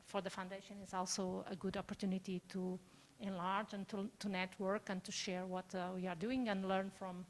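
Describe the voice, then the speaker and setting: A woman's voice: medium pitch, little pitch movement, moderate pace. Earnest middle-aged woman on a video call. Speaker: input speaker, education director. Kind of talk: online panel introduction.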